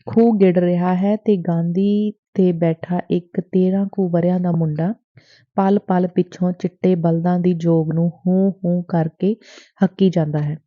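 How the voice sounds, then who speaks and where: A woman's voice: fairly low pitch, fairly even intonation, a little slow. Woman reading a novel aloud, tinny sound. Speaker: audiobook narrator. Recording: dry, tinny phone-like sound.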